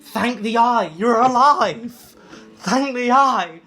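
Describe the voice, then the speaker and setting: A man's voice: very high voice, animated, pushed and bright, pitched above the performer's own voice, full character voice, poor audio. A man voicing an aged, eccentric male doctor who drags out his delighted exclamations. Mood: gleeful. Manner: gleeful, drawn-out exclamations. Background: background music.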